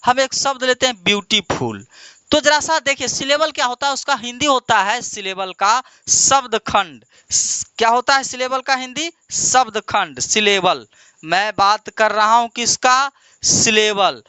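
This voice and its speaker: Speaking at an extremely high pitch, this Indian man's voice is bright, forceful and smooth, captured in a dry recording. He runs an English grammar lesson by asking his students questions and supplying the answers himself, stretching out repeated words and addressing them as "my dear" in call-and-response style.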